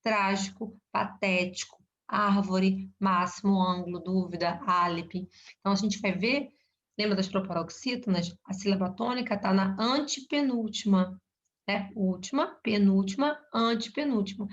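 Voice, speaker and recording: A woman's voice: mid-range voice, moderate pace. A woman with a Brazilian Portuguese accent teaching a recorded grammar lesson, explaining step by step and checking in with short tag questions. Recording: dull lo-fi recording.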